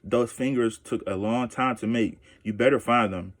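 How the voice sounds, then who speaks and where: A man's voice: mid-range voice, normal speed, no room sound, lightly acted. A man reading aloud the complaints of a sulky, bossy schoolgirl in a children's book.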